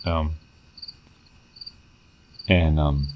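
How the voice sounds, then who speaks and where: A man telling a personal story in a halting way, with many fillers and restarts, reading out old chat messages. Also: very deep voice, level tone, slight background noise.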